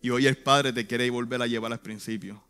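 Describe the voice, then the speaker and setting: Guy pastor sharing his testimony, heartfelt, clear bright tone, mid pitch. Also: fairly even intonation, soft background music. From Puerto Rico. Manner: earnest, emotional testimony with short pauses. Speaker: youth pastor. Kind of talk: personal testimony in church.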